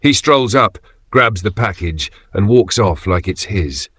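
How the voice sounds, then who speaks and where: A man's voice: on the low side, expressive, unhurried, a bit bright, husky. A man narrating video clips in a casual scripted commentary style, with slangy, wry wording and short punchy phrases.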